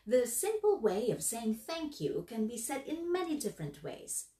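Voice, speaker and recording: Woman, instructor, animated pitch, echoey room, far from the mic. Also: normal speed. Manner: lively, emphatic, instructive. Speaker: workplace skills instructor. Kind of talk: instructional narration.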